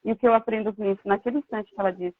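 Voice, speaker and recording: A woman's voice: mid-range voice, steady tone, rapid-fire, dry recording. Earnest woman testifying over a tinny, phone-like call, dry and close. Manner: earnest, reflective storytelling. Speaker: guest giving testimony. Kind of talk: personal faith testimony.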